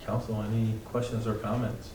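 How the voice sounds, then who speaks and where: A man chairing a municipal council meeting, calling for motions and votes in a brisk, procedural way. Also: lowish voice, little pitch movement. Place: council board room. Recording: echoey room, far mic, noisy.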